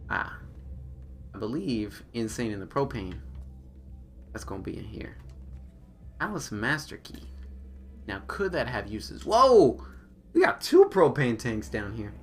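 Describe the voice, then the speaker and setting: A man's voice: medium pitch, sharp tone, slight background noise. A man doing casual, slangy live commentary on a video game, chatting to viewers and talking to himself and the game's characters.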